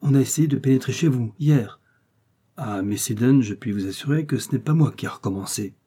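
A man's voice: on the low side, brisk, mellow, husky. A man reading the lines of a polite, eager detective who presses with urgent questions. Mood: earnest.

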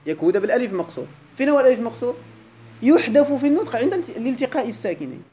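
Lively, fast-talking Moroccan male teacher. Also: very high-pitched, slight background noise. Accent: Moroccan Arabic. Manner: keeps checking that students follow; repeats example words with drawn-out emphasis. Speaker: grammar teacher. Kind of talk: classroom lecture.

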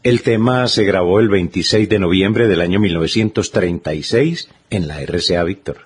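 A man's voice: deep voice, moderate pace, breathy edge. A man co-hosting a radio show, polite and careful as he reads out details. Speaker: radio co-host. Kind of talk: conversational radio commentary.

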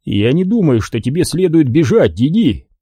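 A man voicing a calm, wise older male mentor, measured and steady, in an audiobook. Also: fairly high pitch, husky, no echo, clean studio sound, pitched above the performer's own voice.

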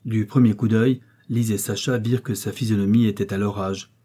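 Male audiobook narrator, low, dark and husky, measured. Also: fairly even intonation. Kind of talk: scripted narration.

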